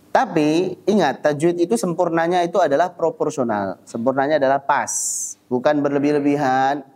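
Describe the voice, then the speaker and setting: A man teaching Quran recitation rules, drawing sounds out slowly to demonstrate and then explaining briskly. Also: fairly high pitch, darkish tone. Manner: chants verse lines in a measured recitation. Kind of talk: tajwid lesson with slow demonstrations.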